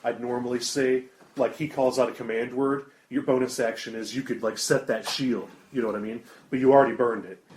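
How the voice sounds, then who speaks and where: A man serves as game master, narrating attacks and ruling on actions at a mid-pitched, even voice. He sounds roomy, picked up at a table with room echo around him. His manner is descriptive and rules-minded. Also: brisk.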